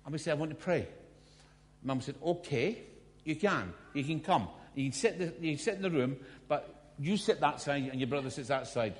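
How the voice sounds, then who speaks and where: A man's voice: on the high side, lively intonation, moderate pace. A Scottish man in his fifties preaching a sermon, telling stories with self-mocking humour. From Scotland. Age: 50s. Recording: long hall reverb.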